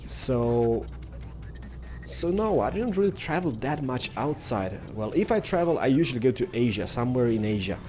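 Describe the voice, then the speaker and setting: Expressive and mellow at a normal speed, this medium-pitched gaming YouTuber, a young Swede whose first language is Swedish, rambles casually over his gameplay. He leans heavily on "like" and "stuff like that."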